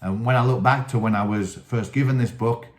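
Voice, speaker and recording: A wrestling coach and channel host with a Teesside accent from north-east England speaks briskly in a medium-pitched, slightly mellow voice. Talking informally to camera for his video channel, he addresses viewers with enthusiasm and often repeats his phrases, in an echoey, reverberant room.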